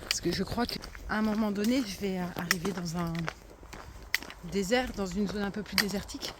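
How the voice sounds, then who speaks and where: A woman talking casually to her phone camera while walking a countryside trail, upbeat and full of filler pauses. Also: mid-range voice, heavy background noise. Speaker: vlogger walking a pilgrimage.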